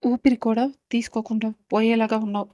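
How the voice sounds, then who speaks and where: A woman reading out a sharp-tongued young wife who scolds her younger sister. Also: a little high, flat delivery, fairly quick, dry recording, clean studio sound, natural voice. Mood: irritated.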